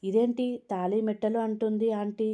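A woman's voice: medium pitch, steady tone, moderate pace, mellow, lightly acted. A woman reading as a nervous young woman. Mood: anxious. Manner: anxious and hesitant. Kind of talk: storybook reading.

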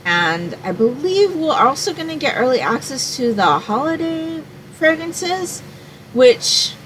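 A woman's voice: a little high, a bit bright, a little hiss or hum, rough recording. A woman in her forties, from Hawaii, chatting to camera as a home fragrance vlogger in a small room at home, rambling and thinking aloud. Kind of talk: casual chat to camera.

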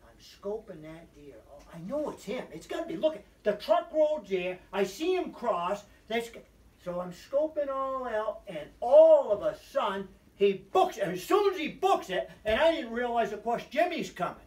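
A man's voice: very high-pitched, sing-song, normal speed, a little mellow, recorded from a distance. A man telling a rambling hunting story, backtracking and restarting as he goes. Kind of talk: casual hunting tale told aloud. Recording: roomy sound from away from the mic.

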